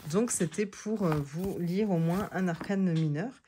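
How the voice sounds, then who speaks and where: A woman's voice: lowish voice, measured pace, dark tone, a little hiss or hum. A woman chatting casually as she reviews tarot decks, often hesitating and restarting, and reading card texts aloud. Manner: hesitant, many fillers and restarts. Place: seated indoors on a creaky chair.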